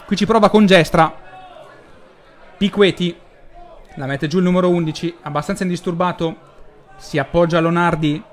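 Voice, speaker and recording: A male football commentator with an Italian accent and a distinctly high-pitched voice. He describes the match live as play unfolds, lifting into excitement at chances. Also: normal speed, pauses often.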